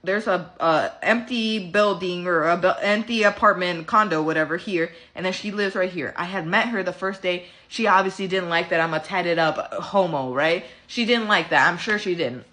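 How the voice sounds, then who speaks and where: A woman vlogger telling a story from home in a casual, animated, profane and sassy way. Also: lowish voice, moderate pace, few pauses.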